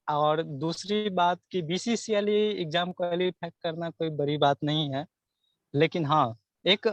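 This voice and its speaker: Earnest young man, slightly high. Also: no room sound. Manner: earnest, repeats himself while listing exam topics. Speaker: selected student guest. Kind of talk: casual interview answers.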